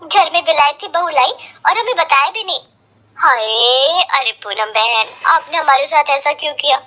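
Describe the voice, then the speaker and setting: A woman's voice: high-pitched, animated, measured pace, sharp tone, heavily acted. A woman doing a nosy, taunting gossip neighbour. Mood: mock-hurt. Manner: mock-wailing, taunting.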